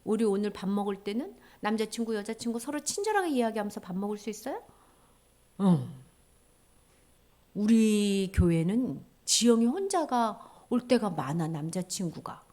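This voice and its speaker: A woman giving a children's sermon in a church, animated, acting out little voices and dropping to a whisper for key points. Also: medium pitch, moderate pace. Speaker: children's ministry teacher.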